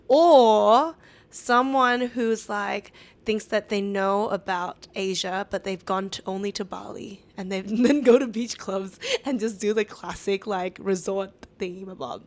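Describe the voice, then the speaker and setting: A woman's voice: mid-range voice, a little slow. A woman in her thirties hosting a podcast, chatting casually with friends, laughing often and using lots of fillers. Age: 30s. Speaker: podcast host. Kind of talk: casual chat.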